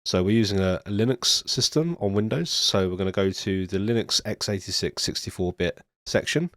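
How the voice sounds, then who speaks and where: Sick and stuffy-nosed, a man with a deep, fairly quick voice talks through a screen-recorded coding tutorial one step at a time. He explains steadily, with an occasional um, into a studio USB mic, and the recording has no echo.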